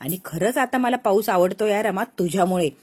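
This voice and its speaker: A woman voicing an affectionate, teasing young husband, dropping her voice a little lower for him. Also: fairly quick, a little mellow, husky. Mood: tender. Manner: playful, romantic teasing.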